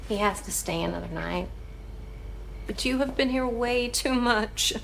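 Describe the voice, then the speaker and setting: An actress in her thirties playing a tender, tired mother in a naturalistic film drama, speaking softly. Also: fairly high pitch, measured pace, slight background noise, rough recording. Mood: friendly, tired. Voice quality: soft, breathy hush. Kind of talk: naturalistic screen acting. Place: rooms of a house.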